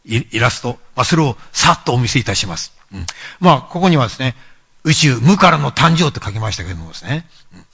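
A man giving a sermon lecture, emphatic, with frequent pauses and asides. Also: mid-range voice, sing-song, vocal fry, a bit bright, husky, muffled recording. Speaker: preacher.

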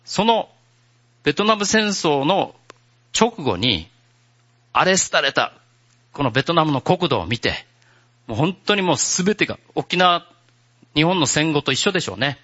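A man preaching a sermon as pastor, in a gentle, conversational way. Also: fairly high pitch, big pitch swings, a little slow, pauses often, husky, highs cut off.

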